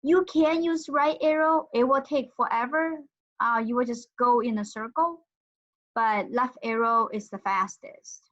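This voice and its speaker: A woman's voice: a little high, steady tone, measured pace, a bit bright. A woman giving a casual tutorial demonstration, thinking aloud with some hesitation. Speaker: instructor. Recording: dull lo-fi audio.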